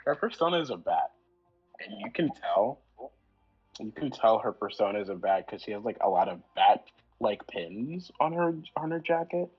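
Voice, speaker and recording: A man with a low, husky voice runs a tabletop role-play game. He talks in a loose, rambling way, full of fillers, and slips into quick voices for the characters. The recording sounds dull and lo-fi. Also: very animated. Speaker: game master.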